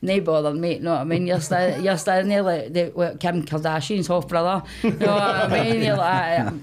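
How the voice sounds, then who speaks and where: A woman's voice: on the low side, normal speed. Candid woman with a broad Scottish accent. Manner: candid, sweary, colloquial storytelling. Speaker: guest, comedy performer. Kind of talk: casual podcast chat.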